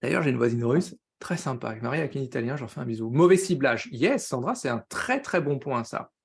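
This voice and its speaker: A man hosting a live business-coaching stream, energetic and upbeat, talking very fast, greeting viewers by name and dropping English words into his speech. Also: mid-range voice, creaky, breathy edge. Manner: says he talks very fast.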